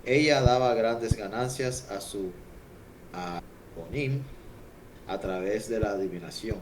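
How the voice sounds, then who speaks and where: A man's voice: on the low side, measured pace. A man reading a Bible passage aloud and discussing it, stumbling now and then over words. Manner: reads steadily with occasional stumbles and restarts. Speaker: Bible reader and discussion leader. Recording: distant mic with noticeable background noise.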